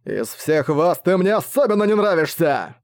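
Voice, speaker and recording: A man's voice: fairly high pitch, lively intonation, moderate pace, darkish tone, pitched above the performer's own voice, natural voice. A man doing a greedy roaring dragon mage. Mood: contemptuous. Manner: roaring, contemptuous.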